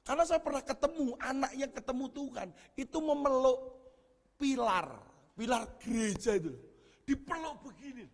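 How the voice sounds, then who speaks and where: A man preaching a sermon as pastor, telling stories in a lively, animated way and laughing at his own jokes. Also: extremely high pitch, moderate pace. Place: church hall. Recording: echoey church hall with long reverb.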